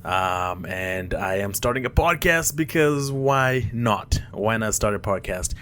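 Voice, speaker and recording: Young guy from rwanda doing a solo podcast, lowish voice, lots of ums and restarts, faint hum behind. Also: animated, a bit bright. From Rwanda, raised in Mozambique. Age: 20s. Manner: halting, many fillers and restarts. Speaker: podcast host. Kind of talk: casual solo monologue. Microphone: headphones on, podcast mic.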